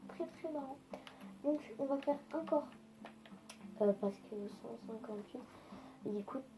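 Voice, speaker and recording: A woman's voice: fairly high pitch, measured pace, low-quality recording. A woman giving casual, chatty gameplay commentary, swearing freely and talking straight to her viewers. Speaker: gaming video creator.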